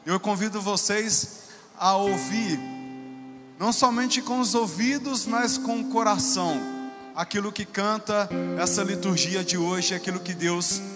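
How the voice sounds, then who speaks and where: A Brazilian lay missionary from Congonhas preaches a sermon in an unhurried, high voice, exhorting and leading the congregation. The sound is reverberant, amplified through a large church hall with music playing behind him.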